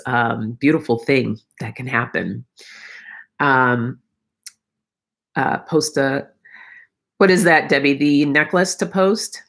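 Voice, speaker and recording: A middle-aged woman with an extremely low, slightly froggy, tired voice hosts a casual spiritual livestream of a live oracle card reading. She speaks directly to her viewers in a reflective, encouraging way.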